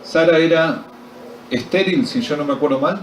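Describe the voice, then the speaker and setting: A man with an Argentine accent preaches to a retreat crowd, tossing them questions and dropping jokes into the story. His voice sits a bit high for a man. He is recorded from a distance in an echoey hall, with faint ambience behind him. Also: moderate pace, slight background noise. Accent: Argentine Spanish. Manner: quizzes the audience, joking and animated. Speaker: pastor. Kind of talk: sermon at a men's retreat.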